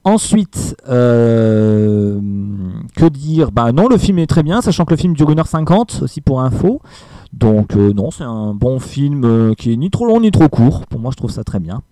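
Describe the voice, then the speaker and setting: A man's voice: medium pitch, sing-song, a little slow, warm tone, no room sound. A man giving a casual film review, hesitant with many fillers and emphatic asides.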